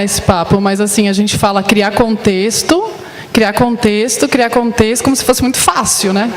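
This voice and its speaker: A woman moderating a performed talk-show debate, asking probing questions in a conversational way. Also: a little high. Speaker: panel moderator. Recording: echoey hall.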